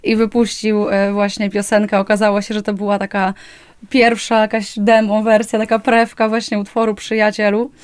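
A young woman, a singer, talks in an interview with flowing, lively storytelling. Her mid-pitched voice sounds close and dry, with no echo from the room. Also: normal speed, clean tone. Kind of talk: casual interview talk.

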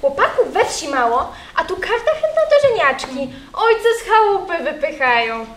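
A woman plays a gossiping young village girl in an amateur folk stage play. Her high voice is very animated. It echoes in a roomy hall. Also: moderate pace. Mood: gossipy. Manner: lively gossiping rural speech. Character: chatty young village girl longing to marry. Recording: roomy hall with faint ambience.

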